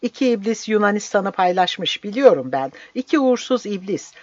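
A narrator voicing a frail, fearful old village healer who shouts agitated questions. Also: mid-range voice, very animated, normal speed, no room sound, lo-fi sound, pitched above the performer's own voice, lightly acted.

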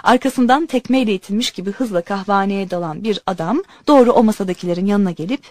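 A woman reading a humorous story aloud in an expressive, conversational way. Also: medium pitch, fast, no echo. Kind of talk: storytelling narration.

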